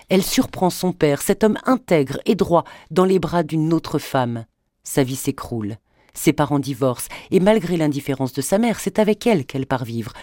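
A man reading a novel aloud in a measured, even storytelling manner. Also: on the high side, no room sound, studio quality. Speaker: audiobook narrator. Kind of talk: scripted narration.

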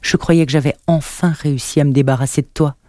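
A male reader putting on a woman in her mid-thirties, sharp and quick to anger yet fond underneath. The voice sits higher than his own but stays warm and mellow. Recorded dry and close, like a storybook read in a booth. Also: fairly even intonation, no echo, lightly acted. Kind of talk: audiobook narration.

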